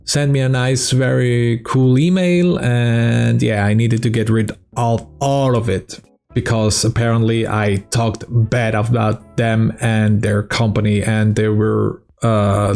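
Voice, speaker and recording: A young man from South Tyrol, Italy, speaking with a German accent, casually answers fan questions as a streamer in a Q&A vlog, swearing and laughing between answers. His mid-range voice is creaky and a little mellow.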